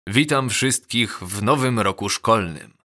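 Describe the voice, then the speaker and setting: A man voicing a huge male school principal giving a formal official address in a bass voice. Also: unhurried, pushed and bright. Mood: solemn.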